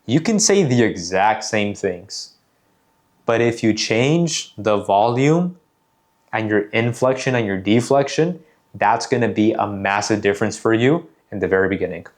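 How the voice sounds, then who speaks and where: A man coaching on sales calls in a measured, deliberate way, repeating key phrases for emphasis. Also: on the low side, lively intonation. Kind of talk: instructional talk.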